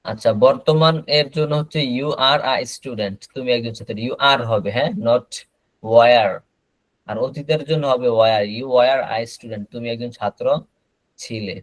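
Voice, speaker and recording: A man teaching an online class, explaining slowly and repeating words over a video call. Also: medium pitch, no room sound, poor audio. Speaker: English teacher.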